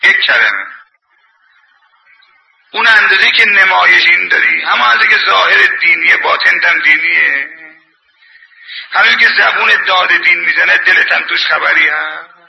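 A man's voice: high-pitched, creaky, long pauses, pushed and bright, poor audio. A man preaching a sermon in an impassioned, colloquial scolding manner, telling anecdotes.

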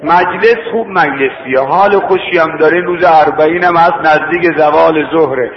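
A man preaching a sermon, telling a story with passion and rising to exclamations. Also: a little high. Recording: echoey hall, dull lo-fi sound.

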